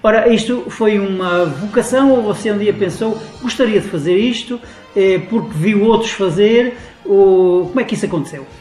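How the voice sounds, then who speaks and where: A man's voice: sits high, normal speed, a little mellow, soft background music. A man interviewing a diplomat for radio, asking polite, formal questions full of filler sounds. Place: guest's office. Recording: echoey room.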